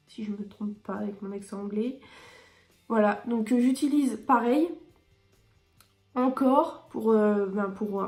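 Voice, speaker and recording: A woman's voice: a little high, mellow, echoey room. A woman beauty vlogger reviewing her favourite products in a chatty, enthusiastic way with frequent hesitations.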